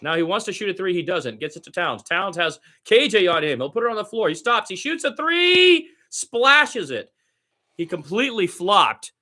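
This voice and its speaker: With a high-sitting, sharp, very animated voice at normal speed, a man delivers amateur radio-style basketball commentary. He talks in clipped bursts and adds biased opinions as a fan.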